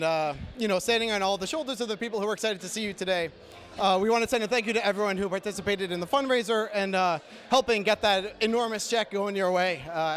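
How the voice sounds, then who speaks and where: A man hosting a live gaming tournament on stage with a handheld mic, joking and excitable, with loose, filler-heavy talk. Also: sits high. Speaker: event host. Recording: live event with crowd noise. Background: cheering crowd.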